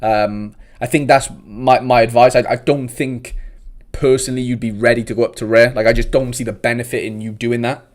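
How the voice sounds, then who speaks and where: A young South Welsh host chats with viewers on a casual livestream, laid-back and throwing "mate" around often. His mid-range voice is brisk with fairly even intonation.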